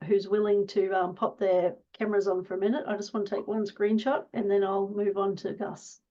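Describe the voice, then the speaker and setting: A woman's voice: mid-range voice, flat delivery, fairly quick, mellow. A woman hosts a webinar, reads out audience questions and hands over to speakers, in a friendly manner. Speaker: webinar host. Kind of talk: moderating a webinar. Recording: dull lo-fi video call audio.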